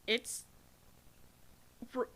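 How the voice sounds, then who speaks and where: A woman's voice: extremely slow, fairly bright tone. A young woman co-hosting a true-crime podcast, chatting casually with lots of fillers, restarts and giggles. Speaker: podcast co-host.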